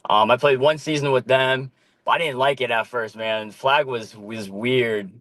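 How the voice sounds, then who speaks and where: A man's voice: mid-range voice, moderate pace, dry recording. Guest, young man, loose and easygoing, lots of filler, dry close sound. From Korea. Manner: relaxed, loose, with many ums and casual swearing. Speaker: podcast guest, flag football player. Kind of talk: casual chat.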